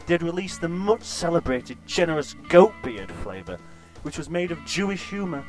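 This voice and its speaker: A man reading an absurd, crude comic story in a deadpan way. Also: on the high side.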